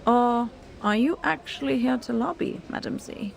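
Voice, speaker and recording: A woman's voice: a little high, moderate pace, creaky, darkish tone. An actress playing a sporty woman who teasingly challenges a rival to a game of table tennis, in a game. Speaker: game character.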